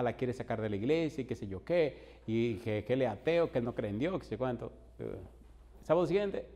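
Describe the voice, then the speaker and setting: Speaking at medium pitch with a dark tone, a pastor preaches to an audience in a church hall. His sermon is a long narrative in which he voices the dialogue.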